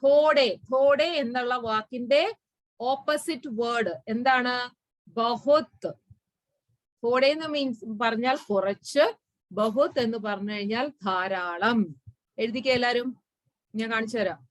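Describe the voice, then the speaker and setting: A woman with a Malayali accent teaching a school Hindi lesson online, repeating words slowly and sounding out each syllable. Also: fairly high pitch, dry recording, poor audio. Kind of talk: online class explanation.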